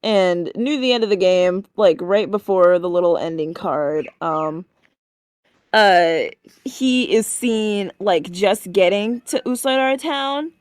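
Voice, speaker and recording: A woman's voice: mid-range voice, slow pace, clear, resonant tone, no room sound. A woman casually recapping a game demo on a podcast, chatty, with many fillers and restarts. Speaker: podcast co-host.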